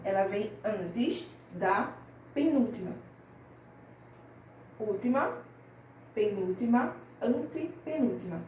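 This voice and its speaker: Patient teacher, roomy distant sound. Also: female voice, fairly high pitch. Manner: patient, stretches out example words slowly, checks in with "tá bom?". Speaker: primary school teacher. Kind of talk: recorded remote class lesson. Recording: roomy, from the mic, faint noise.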